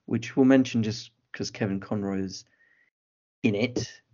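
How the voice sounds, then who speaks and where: A man's voice: on the low side, steady tone, measured pace, mellow, slight background noise. A man co-hosting a podcast, chatting casually and opinionatedly about films. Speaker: podcast co-host. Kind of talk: casual film chat. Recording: slightly dull lo-fi podcast audio.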